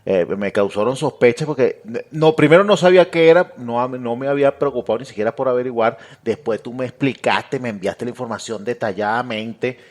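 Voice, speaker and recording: A man's voice: medium pitch, brisk, hardly any pauses, darkish tone. Male podcast host, mid-range voice, formal and encouraging interviewer. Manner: formal greeting, brief agreeing backchannels.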